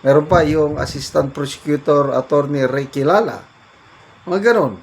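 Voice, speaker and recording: A man's voice: fairly high pitch, moderate pace, creaky. A middle-aged Filipino man doing casual reaction commentary, reading out comments and laughing often in an amused, mocking way. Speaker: political commentary vlogger.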